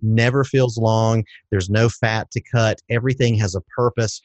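A man hosting a movie review podcast, talking in a relaxed, measured way with light jokes. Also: fairly low pitch, no room sound. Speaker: podcast host. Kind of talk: casual movie review chat.

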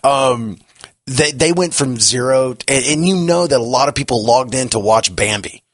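Hoarse, froggy-voiced male podcast host. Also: mid-range voice, moderate pace, no room sound, studio quality. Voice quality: croaky, froggy voice. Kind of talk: casual chat.

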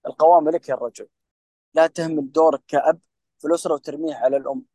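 A Saudi man rattles off his advice at a very fast clip in a mellow, rather dark voice. He pitches a little higher than most men, is emphatic and preachy, and lectures the listener directly. The sound is dry and close, with no room echo. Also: fairly even intonation. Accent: Saudi Gulf Arabic. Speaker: guest, mental health specialist. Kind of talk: impassioned advice in a podcast interview.

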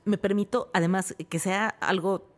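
A woman with a Mexican accent, a guest in a casual interview, telling stories lively and acting out the voices she quotes. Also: medium pitch, normal speed. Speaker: guest, actress and stand-up comedian.

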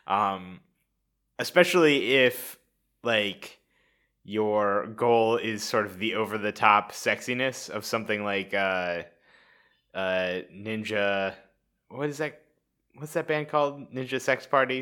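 A man's voice: fairly low pitch, slow, pushed and bright. A young man co-hosting a podcast, chatting casually with plenty of fillers and laughter. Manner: rambling, frequent fillers and laughs. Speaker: podcast co-host. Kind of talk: casual chat.

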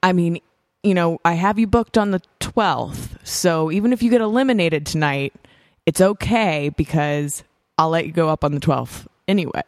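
A woman's voice: on the low side, normal speed, dry recording, studio quality. Hungover woman in casual chat. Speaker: podcast co-host and amateur comic.

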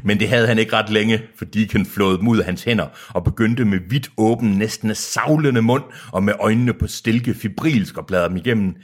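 A man's voice: fairly low pitch, few pauses, slightly rough. A man co-hosting a podcast, reading a novel aloud and breaking off for joking asides. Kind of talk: reading aloud with casual chat.

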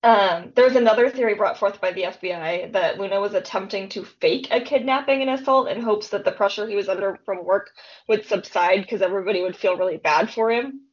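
Woman co-host, mid pitch, conversational true-crime storyteller, muffled lo-fi sound. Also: brisk. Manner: chatty retelling, frequent "like" and "um". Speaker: podcast co-host. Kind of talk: casual true-crime chat.

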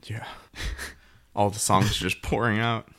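A man's voice: on the low side, flat delivery, takes it slowly, a bit bright, dry recording, clean studio sound. A man co-hosting a podcast, chatting casually in a chatty, self-deprecating way. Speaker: podcast co-host. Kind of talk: casual chat.

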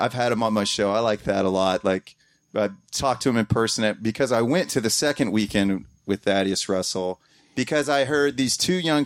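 A man's voice: mid-range voice, no echo. Rambling, heartfelt man, dry sound. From Columbus, Ohio area. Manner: rambling, restarts often, swears casually. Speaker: podcaster speaking as a guest. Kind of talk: heartfelt casual talk to a community gathering.

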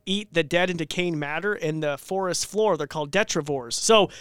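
A man in a casual chat, talking excitably and with enthusiasm as a guest who educates about animals. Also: on the high side, normal speed, clear, resonant tone, no room sound, studio quality.

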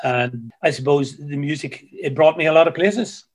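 Halting man telling stories. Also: fairly high pitch. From Ireland. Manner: halting, repeats words, storytelling. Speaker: guest musician. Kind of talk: casual interview chat. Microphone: video call.

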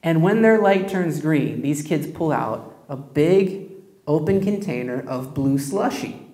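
A pastor with a somewhat high, dark-toned voice and lively intonation preaches a sermon at an unhurried pace. He tells stories conversationally and speaks straight to his congregation, with a roomy echo around him.

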